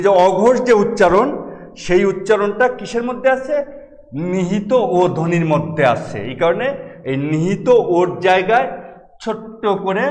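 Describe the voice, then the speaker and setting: A man teaching a class, explaining step by step and repeating words slowly. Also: high voice. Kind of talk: classroom lecture. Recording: echoey room with long reverb.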